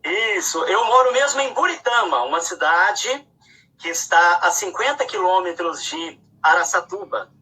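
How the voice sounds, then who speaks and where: A man's voice: sits high, expressive, a little slow, bright, forceful tone. A man from Belo Horizonte, a guest in a casual live-stream chat, giving brief, affirming replies. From Belo Horizonte, Brazil. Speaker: guest, trainer of child-protection councilors. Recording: distant, call-like audio.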